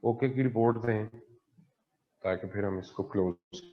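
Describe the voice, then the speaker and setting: A man's voice: on the low side, measured pace, narrow, tinny audio. A man teaching an online science class. He explains patiently and repeats key points. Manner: patient, repetitive explaining with frequent "theek hai ji".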